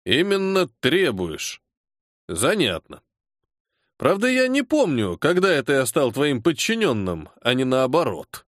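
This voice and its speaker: A weary, irritable colonel who grumbles and needles his defiant subordinate, performed by a male audiobook reader. His voice is gruff and sarcastic. The sound is dry and close, with no room. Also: fairly high pitch, very animated, normal speed, no echo. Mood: irritated. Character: weary irritable older male colonel, security service chief.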